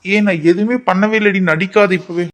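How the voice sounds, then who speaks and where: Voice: mid-range voice, steady tone, a little fast, natural voice. A performer voicing a boastful, hot-headed young man in a cartoon who bickers and scolds. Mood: worried. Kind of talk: cartoon voice acting.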